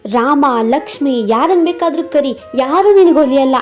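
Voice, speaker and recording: A woman's voice: high voice, lively intonation, moderate pace, a little mellow, soft background music. Woman doing a sneering spoiled cartoon sister. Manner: mocking and sneering. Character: spiteful young woman, the favored elder sister.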